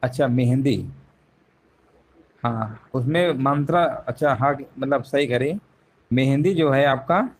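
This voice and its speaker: A man's voice: medium pitch, takes it slowly, pauses often. A man teaching a live online exam-prep class, explaining each answer step by step and often repeating himself with rhetorical questions.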